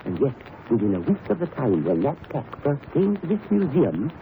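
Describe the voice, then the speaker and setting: In a muffled, noisy old recording of a 1930s radio mystery, an actor plays a fussy, anxious museum curator and professor who is superstitious despite himself. He speaks formally at normal speed with many hesitations, his medium-pitched male voice swooping wildly, sounding uneasy and cautious.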